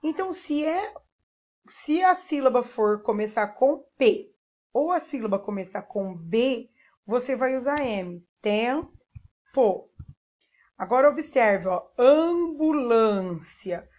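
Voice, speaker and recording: In a remote primary school lesson, a Brazilian woman teacher patiently sounds out syllables and sounds one at a time, with a Brazilian Portuguese accent. Her voice is fairly high, animated and unhurried, with a darkish tone. The recording is dull and lo-fi.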